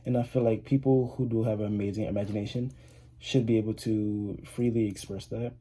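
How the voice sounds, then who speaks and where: A man's voice: lowish voice, fairly even intonation, brisk, mellow. An eighteen-year-old man chatting casually to camera as a vlogger, rambling with lots of fillers and restarts. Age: 18, teenager. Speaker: vlogger, high school student.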